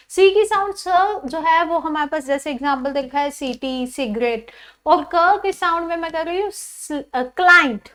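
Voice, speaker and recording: A woman teaching English pronunciation to a class. She asks questions and answers them herself, and repeats each example word slowly. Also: sits high. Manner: calls the pupils "children", says "ji" often.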